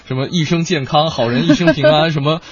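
A man with a mainland Chinese Mandarin accent hosting a lively radio chat show in an AM radio manner, chatty and emphatic, with a dull broadcast sound. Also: fairly high pitch, a little fast, heavy background noise. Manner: animated, chatty, repeats words for emphasis. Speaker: radio host.

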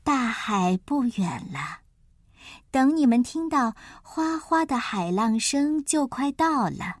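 A woman voicing a kind dandelion in a storybook, in a gentle and soothing tone. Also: high voice, sing-song, slow pace, no room sound, clean studio sound, heavily acted. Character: dandelion, kind soft-spoken plant.

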